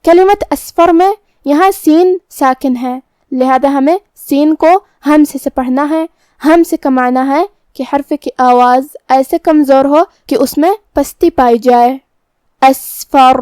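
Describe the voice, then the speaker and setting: A woman teaching Quran recitation rules, explaining each letter step by step and reciting verses very slowly. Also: sits high, a little mellow, no echo. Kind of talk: tajweed lesson with slow recitation.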